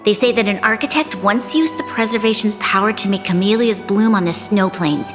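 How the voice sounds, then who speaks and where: A woman's voice: medium pitch, fairly quick, long reverb tail, music in the background, natural voice. A woman voicing a refined, composed young noblewoman in a video game, formal and elegant. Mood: serene.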